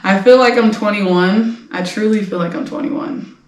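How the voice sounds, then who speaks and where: A woman's voice: mid-range voice, moderate pace, echoey room, distant mic. A woman in her late twenties hosting a celebrity gossip podcast, talking casually in a brash, blunt way and swearing freely. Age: late 20s. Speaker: podcast host.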